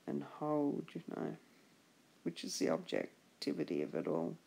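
A chest infection leaves this woman art instructor's low-pitched voice husky and gravelly as she narrates a drawing lesson, a little slowly, over poor audio. Her voice-over is relaxed, chatty and encouraging, and she often trails off and then restarts a thought.

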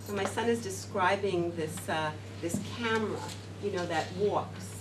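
This middle-aged woman speaks at a measured pace in a mid-range voice, giving a rambling, informal talk full of fillers and restarts to people seated in a classroom. A distant camera captures it with roomy noise.

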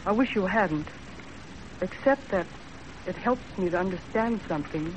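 A woman plays a self-possessed, sceptical young servant in a composed, plain-spoken 1930s radio acting style, her mood cool and doubtful. Her mid-range voice is expressive, darkish and lightly acted at normal speed, heard through a muffled, faintly noisy 1930s broadcast.

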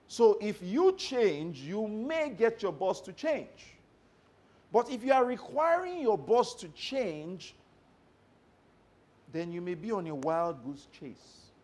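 In a live workshop talk, a male motivational trainer addresses a room full of staff. His slightly rough voice is pitched a little high and swings widely as he tells his stories with animation. He pauses often to confirm that everyone is following.

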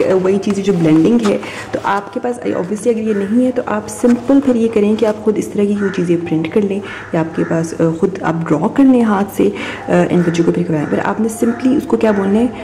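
Low gravelly woman explaining a homeschool curriculum, warm mellow voice, bit of hiss behind. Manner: mixes Hindi and English, many fillers, demonstrates words aloud. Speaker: homeschooling parent reviewing a curriculum. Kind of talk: casual curriculum walkthrough.

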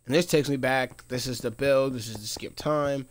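A man's voice: mid-range voice, moderate pace. A man streaming a video game live, talking casually as he plays, muttering to himself and laughing often. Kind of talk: casual live gameplay commentary.

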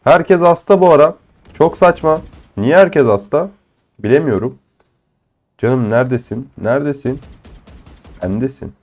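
Excitable young man commentating a shooter game. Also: mid-range voice, unhurried, pauses often, faint music behind. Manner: excitable, swears and jokes at opponents. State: ill with a cold. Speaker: gaming channel host. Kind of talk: live gameplay commentary.

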